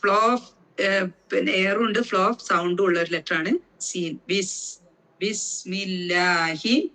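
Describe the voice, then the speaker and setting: Slow, bright-voiced woman teaching recitation. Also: mid-range voice, poor audio. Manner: slow and deliberate, drawing out letter sounds to demonstrate them. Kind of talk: explaining recitation rules.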